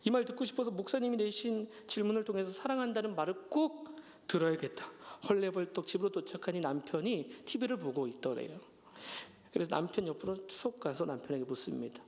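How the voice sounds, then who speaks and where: A young man preaching a sermon in a church, telling stories with acted-out quotes and gentle humor. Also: high-pitched, a little fast. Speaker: pastor. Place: church sanctuary.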